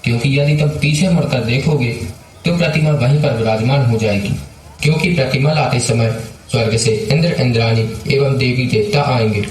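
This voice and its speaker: A man playing a solemn divine voice giving commands in a dream, steady and authoritative. It rings through an echoey hall from some distance away. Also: medium pitch, close to an everyday voice. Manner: slow, commanding, instructive. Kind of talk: school stage play.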